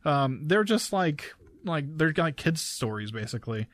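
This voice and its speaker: A man hosting a casual chat, halting and often repeating words as he searches for the next. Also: a little high, very animated. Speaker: show host.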